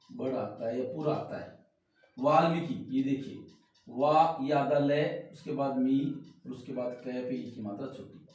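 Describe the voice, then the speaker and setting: A man teaching Hindi spelling to exam students, explaining each word as he writes it on a board. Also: fairly high pitch. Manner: explains while writing on a board, repeating words. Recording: very echoey room, mic far off.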